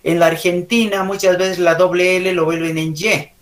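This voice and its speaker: A man's voice: high voice, flat delivery, normal speed. A man teaching an online language class, correcting pronunciation with a Bolivian Spanish accent and asking frequent check questions.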